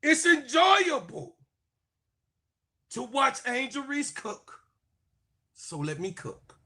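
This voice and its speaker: A man co-hosting a sports talk show, ranting in heated commentary, fiery and profane, repeating his phrases and often shouting. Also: very high-pitched, big pitch swings, slow pace, breathy edge.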